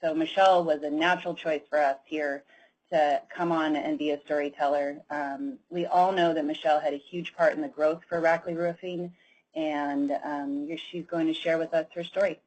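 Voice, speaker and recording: A woman's voice: low-pitched, steady tone, moderate pace, darkish tone, poor audio. A woman hosting a webinar, thanking speakers and introducing the next one in an effusive, enthusiastic way. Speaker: webinar host. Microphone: online call.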